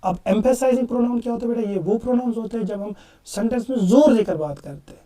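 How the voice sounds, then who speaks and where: A man's voice: very high voice, quick pace, dark tone, recorded from a distance. A man teaching English grammar in a classroom-style lecture, explaining emphatically and addressing students fondly as children. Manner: emphatic, calls students "beta", mixes English examples into Hindi.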